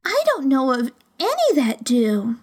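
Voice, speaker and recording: A woman's voice: high voice, huge pitch swings, measured pace, darkish tone, husky, heavily acted. A woman reading a storybook voices a polite, slightly timid young girl.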